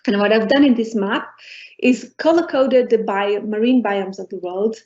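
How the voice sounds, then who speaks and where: A middle-aged woman from Portugal delivers an academic lecture at a mid-range pitch. She talks haltingly, filling gaps with ums and restarting phrases. The recording sounds dull and lo-fi. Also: a little mellow. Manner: hesitant, many ums and restarts. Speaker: professor giving a talk.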